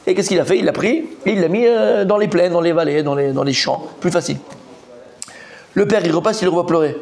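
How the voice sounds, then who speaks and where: A man, a rabbi, teaching a Talmud class in a lively, repetitive storytelling manner that acts out the characters. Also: high-pitched, fairly quick, gravelly.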